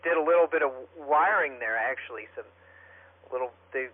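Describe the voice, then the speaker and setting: A man's voice: medium pitch, moderate pace. A man acting as net control on an amateur radio net, calling stations in an orderly way, his voice heard over a two-way radio. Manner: orderly, reads out call signs, with some fillers. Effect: heard over a two-way radio, narrow and tinny. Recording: thin band-limited radio transmission.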